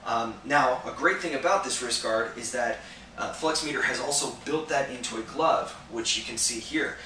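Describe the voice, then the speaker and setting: A young man with a mid-range voice reviews protective sports gear on camera for a store, speaking in a relaxed, conversational way and filling gaps with plenty of "uh" and "um." He's in an indoor shop room with a slat wall, where the echo makes his voice sound a bit distant over slight background noise.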